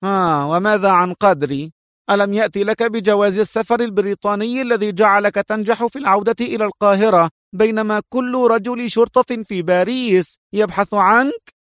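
A spirited young woman with a high, lifted voice, sharp and quick to bristle, as a male storyteller puts her on. The reading is dry and close, with no room around it. She lives inside an audiobook spy novel. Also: no echo. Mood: indignant. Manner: sharp, indignant, raised falsetto.

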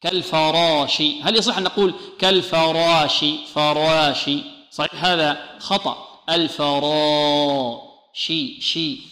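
Bright-voiced man teaching recitation in an echoey hall. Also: a little high. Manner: asks questions then answers them himself; slow drawn-out demonstration of sounds. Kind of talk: tajweed lesson. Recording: echoey hall with long reverb.

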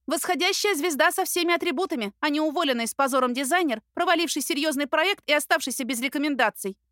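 A woman reading an audiobook, voicing a flustered, sharp-tongued young woman who speaks in agitated, rapid bursts. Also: high-pitched, no room sound, studio quality, voice pushed up. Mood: indignant. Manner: agitated, breathless, rapid complaints.

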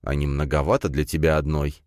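A man's voice: very deep voice, little pitch movement, a little fast, a little mellow, dry recording, clean studio sound. A man voicing a casual, teasing young brother in an audiobook.

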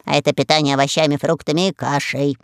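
A reader voicing a bossy old male parrot in an audiobook, with gruff, lecturing talk. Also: mid-range voice, level tone, fast, dry recording, clean studio sound, voice pushed down, lightly acted. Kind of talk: audiobook character voice.

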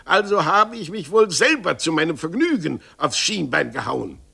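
A man voicing a hot-tempered old male puppet maker who bursts out in shrill, quarrelsome shouts, as a radio story reading. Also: huge pitch swings, a little slow, creaky, slightly rough, full character voice. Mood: furious.

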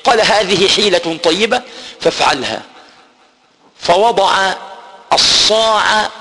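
A man teaches scripture in a very high, bright voice. He retells the story, explains the old words and slowly chants the verses. Long reverb from a hall trails behind him. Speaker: Quran teacher. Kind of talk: Quran exegesis lesson.

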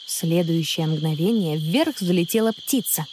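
A woman narrating a children's story aloud in an expressive, storytelling manner. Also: fairly low pitch, measured pace, slight background noise. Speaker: audiobook narrator.

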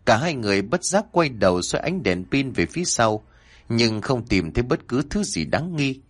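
A man's voice: mid-range voice, very animated, moderate pace. A man narrating a scripted horror story, acting out the characters' dialogue in shifting voices.

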